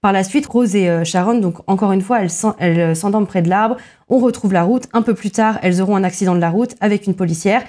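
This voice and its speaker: A woman in a film podcast, analysing a horror movie in casual chat, with frequent filler pauses and restarts. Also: mid-range voice, a little mellow. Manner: many filler pauses, restarts, self-deprecating asides.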